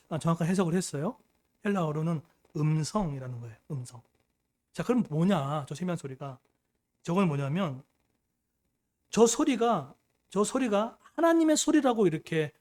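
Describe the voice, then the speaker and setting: Man, middle-aged pastor, sermon, emphatic, questioning, high-pitched. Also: darkish tone. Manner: emphatic, asks the congregation questions.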